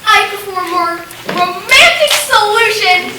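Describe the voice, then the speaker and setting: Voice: extremely high pitch, lively intonation, unhurried. A young performer playing a bossy storyteller who rewrites a scene and directs the others. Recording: very echoey room from far off with noise.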